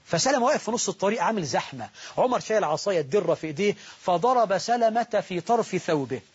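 An Egyptian man delivers an impassioned sermon in a fairly high voice. His voice is husky and moves from soft to loud as he tells stories. The recording sounds dull and muffled. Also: lively intonation, fast. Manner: impassioned storytelling, shifts between loud and soft. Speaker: preacher.

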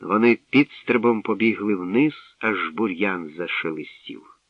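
A man narrating a story steadily and deliberately, in a tinny, distant radio recording. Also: on the low side, no echo.

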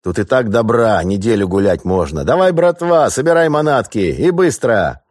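A crude, loud-mouthed sailor looter, put on by a man reading a storybook. His voice sits well above the reader's own deep, dry narration, and it comes out coarse and bullying. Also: animated, normal speed, dry recording. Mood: boisterous. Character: rough, greedy male revolutionary sailor looter.

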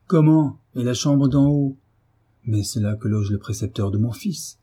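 A man's breathy-edged, mid-range voice, delivered at a measured pace, brings to life a brutish middle-aged landowner in an audiobook character reading. Hot-tempered and furious, the character blusters, curses and shouts.

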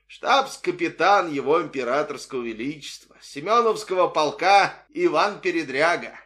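A man voicing a haughty émigré nobleman working as a taxi driver, mannered and condescending in a raised, drawn-out voice. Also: fairly high pitch, animated, fairly bright tone, voice pushed up. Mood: proud.

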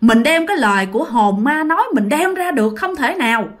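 A woman's voice: high voice, animated, a little fast. A woman voicing a worried middle-aged village police chief, who questions a child and frets to himself. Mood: fretful. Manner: fretful, talking to himself.

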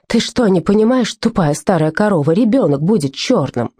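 A woman's voice: expressive, normal speed, warm tone, husky, no echo, studio quality. A woman voicing a panicking, hysterical young woman in labour in an audiobook. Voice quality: shrill and hysterical. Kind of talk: audiobook character voice.

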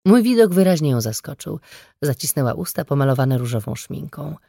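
A woman reads a first-person novel aloud in a measured, even way. Her voice sits low for a woman, and the studio recording is close and dry. Nothing is heard behind her. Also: vocal fry, dry recording. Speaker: audiobook narrator. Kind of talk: first-person scripted narration.

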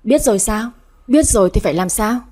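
A woman's voice: medium pitch, lively intonation, a little fast, mellow, lightly acted. A woman voicing a cold, curt young master.

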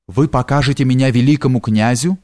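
A man's voice: mid-range voice, fairly quick, no room sound, studio quality, close to an everyday voice. A man voicing a tearful young maiden. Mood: grieving. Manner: soft, trembling delivery. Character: grieving young woman captive, tearful and pure.

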